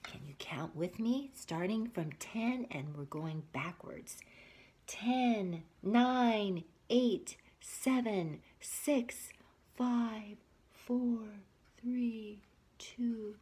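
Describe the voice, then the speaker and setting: The woman here has a high-leaning, slightly rough voice. She's a teacher reading a children's picture book with plenty of expression, stopping now and then to speak directly to young listeners and put questions to them.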